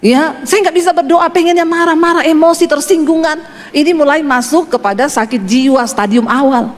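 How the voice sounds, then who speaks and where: A woman from Sulawesi preaches a sermon in a bright, high voice. She tells stories in a chatty way and puts questions to the congregation. The sound carries a long hall reverb. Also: a little fast. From Sulawesi, Indonesia.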